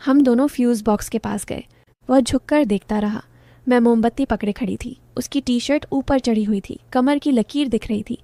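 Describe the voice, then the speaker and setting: A woman narrating a story in the first person, with a soft, low-key delivery. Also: moderate pace, dry recording.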